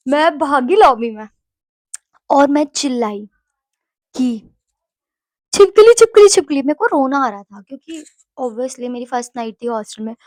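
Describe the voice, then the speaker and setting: A young woman from Delhi telling a storytime vlog in an animated, chatty way. She mixes Hindi and English and keeps checking in with her viewers. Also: on the high side, no echo. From Delhi, India. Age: young adult. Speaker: vlogger. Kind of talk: casual storytime.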